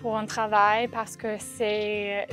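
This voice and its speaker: Slow-talking woman over guitar music. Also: mid-range voice, level tone. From Louisiana, United States. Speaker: teacher. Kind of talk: reflective interview testimony. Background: plucked guitar music.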